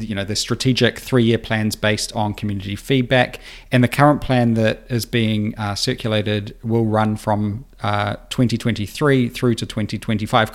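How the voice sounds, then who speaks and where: A New man hosting a community radio podcast, asking questions in a polite, measured way. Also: fairly low pitch. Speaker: podcast host, interviewer.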